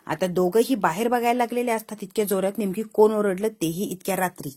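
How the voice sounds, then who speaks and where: A woman recaps a TV serial episode in a casual storytelling way, acting out the characters' dialogue herself. She talks fast in a medium-pitched, darkish voice.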